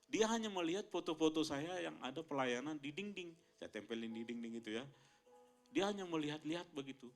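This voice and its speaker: Indonesian pastor telling a lively testimony. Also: male voice, on the high side, fairly quick, soft background music. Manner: storytelling, addresses congregation as Bapak Ibu, rises to loud excited peaks. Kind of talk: sermon testimony.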